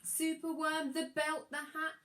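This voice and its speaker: Like a teacher at story time, this woman reads out a rhyming picture book for kids. Her voice is high, and she stays expressive, sing-song and careful with each line.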